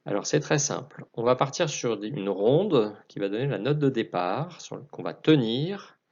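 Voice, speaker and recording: A man explaining how to chant psalms, unhurried and hesitant with small restarts. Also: mid-range voice, lively intonation, vocal fry, a little mellow, highs cut off. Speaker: liturgy chant teacher.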